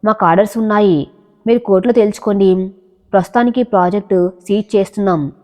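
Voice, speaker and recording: Curt stern officer guy, woman reading it, mellow voice, echoey reverb. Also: mid-range voice, fast, close to an everyday voice. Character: stern male municipal officer.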